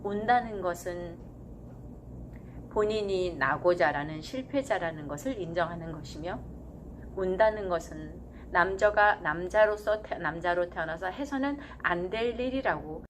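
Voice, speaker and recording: A woman hosting her channel, talking in a calm, measured, reflective way with thoughtful pauses and gentle self-corrections. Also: fairly low pitch, slight background noise. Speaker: channel host. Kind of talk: reflective spoken essay.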